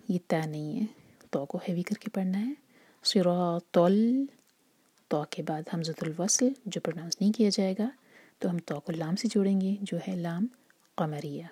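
A woman teaching Quran recitation rules, speaking softly and patiently, often in a half whisper, slowly sounding out example words. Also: on the low side, husky, dry recording. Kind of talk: tajweed lesson with slow recitation examples.

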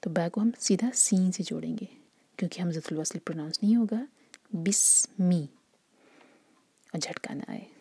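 A woman teaching Quran recitation rules, speaking softly and patiently, often in a half whisper, slowly sounding out example words. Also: on the low side, creaky, breathy edge, no echo. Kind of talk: tajweed lesson with slow recitation examples.

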